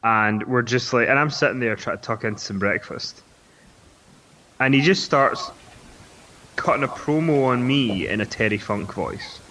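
A man with a Scottish accent, co-hosting a casual podcast chat, telling stories in a relaxed way with hesitant restarts. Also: mid-range voice, moderate pace, background noise. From Scotland. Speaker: podcast co-host. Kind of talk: casual wrestling recap chat.

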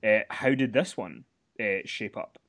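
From a hotel room, a man co-hosts a wrestling podcast, giving a casual recap full of rambling, fillers and restarts. His voice is lowish and fairly bright, with lively intonation and a slightly slow pace.

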